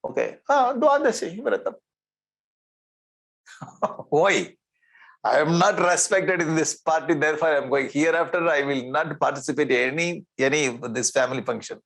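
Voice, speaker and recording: Higher-voiced South Indian man teaching scripture. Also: normal speed, creaky. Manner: animated, conversational, repeats phrases for emphasis, rhetorical questions. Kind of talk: spiritual discourse with Sanskrit verse recitation.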